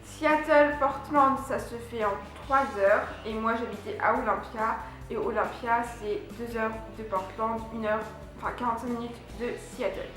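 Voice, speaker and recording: Chatting to her viewers about a year spent abroad, a young woman from France uses a high, somewhat bright voice at a moderate pace, often filling gaps and restarting sentences. Her vlog recap is recorded in a heavily echoing room with faint background music.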